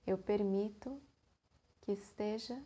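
A woman with a Brazilian Portuguese accent guides a meditation soothingly, leaving long pauses between phrases. Her voice is warm and medium-pitched.

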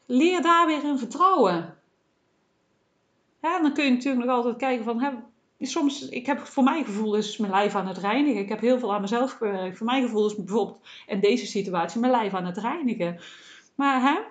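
A woman hosting a casual self-help podcast, speaking in a gentle, reassuring way with many small fillers. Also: fairly high pitch, lo-fi sound. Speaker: podcast host.

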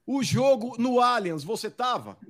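Male host, very high voice, teasing interrogator in casual banter. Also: animated, measured pace. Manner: mocking, pressing with questions.

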